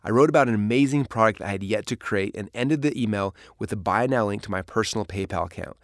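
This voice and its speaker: A man's voice: lowish voice, fast, no echo, studio quality. A man reading his own memoir aloud in a storytelling manner. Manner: storytelling, dramatic in places. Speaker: narrator. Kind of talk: memoir audiobook narration.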